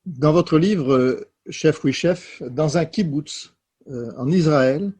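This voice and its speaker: A man interviewing a guest, asking long, measured questions with pauses and fillers. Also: a little high, a little mellow, breathy edge.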